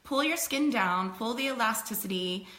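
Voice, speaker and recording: A woman's voice: a little high, animated, moderate pace, sharp tone. A middle-aged woman hosting a live makeup sale, chatting casually and laughing often. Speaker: host selling makeup. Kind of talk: casual live-stream chat. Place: home room. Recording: echoey room.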